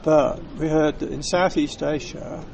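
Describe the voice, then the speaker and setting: A man's voice: on the high side, steady tone, a little slow, creaky, noisy background. A man with a Northern English accent, a touring cyclist, chatting about his travels and often restarting his sentences. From North of England. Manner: chatty storyteller with frequent restarts. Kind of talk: casual travel chat.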